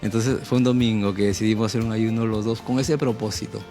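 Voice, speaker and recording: Earnest gravelly-voiced man telling testimony. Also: fairly low pitch, steady tone, quick pace, dark tone, soft background music. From Peru. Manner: earnest, emotional storytelling, reenacts his prayers. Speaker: guest sharing testimony.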